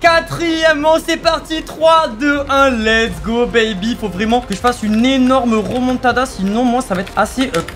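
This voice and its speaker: High-pitched excitable young Frenchman gaming. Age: 20s. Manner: exclamatory, repeats words in rapid bursts. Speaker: gaming video host, player. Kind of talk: excited live gameplay commentary. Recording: music playing behind the voice.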